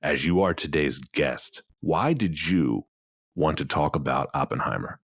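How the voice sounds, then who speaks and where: A man's voice: very deep voice, lively intonation, a little slow, gravelly, husky, dry recording, clean studio sound. A man hosting a casual film podcast, chatting and reading out film details with a few stammers. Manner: chatty, stammers on restarts, reads film facts out. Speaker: podcast host.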